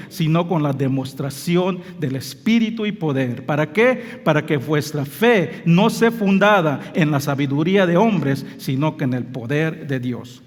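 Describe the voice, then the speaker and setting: A man with a Belizean Spanish accent, English being his first language, preaches a sermon as pastor. His voice sits fairly high and turns earnest and emphatic at its peaks. The sound carries a long reverb of a church sanctuary.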